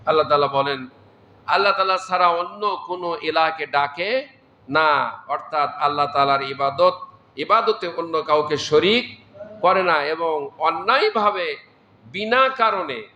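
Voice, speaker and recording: Slow, bright-voiced man preaching in echo. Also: fairly high pitch, highs cut off. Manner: exclaims praise often and chants verses slowly. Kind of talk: Bengali sermon explaining Quran verses. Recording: echoey room.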